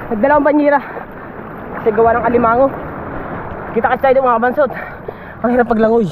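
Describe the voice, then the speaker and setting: A man vlogging outdoors while swimming in a river, out of breath, laughing and shouting excitedly. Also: very high voice, fast talker, narrow, tinny audio. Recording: noisy outdoor recording by water. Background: splashing water.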